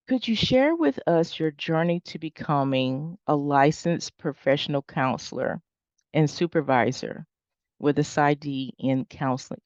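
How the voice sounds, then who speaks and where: A woman's voice: deep voice, a little mellow, no echo, muffled recording. A woman hosting an interview and asking questions in a hesitant way, with many fillers. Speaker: interview host.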